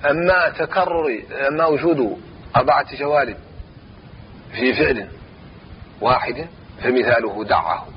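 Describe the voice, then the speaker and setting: A man teaching a grammar lesson, reciting verse lines slowly and repeating phrases as he explains each example. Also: mid-range voice, highs cut off, a little hiss or hum.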